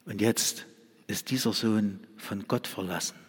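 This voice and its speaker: A man preaching a sermon to a congregation, moving between loud, stressed phrases and hushed whispers. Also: on the low side, a little slow, slightly rough. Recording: long reverb of a large hall.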